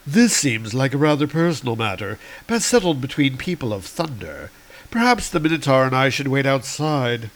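Man playing a sly dark elf villain, polite, scheming, lively voice. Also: medium pitch, moderate pace, lightly acted.

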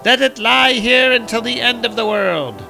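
A man's voice: very high-pitched, expressive, normal speed, creaky, sharp tone, faint music behind, voice pushed up, full character voice. A man voicing an ancient, commanding goddess who makes lofty proclamations.

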